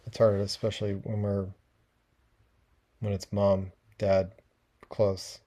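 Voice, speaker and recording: Mellow-voiced man presenting casually. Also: fairly low pitch, slow pace. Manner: relaxed and conversational, with fillers. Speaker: webinar presenter. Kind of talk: casual educational talk.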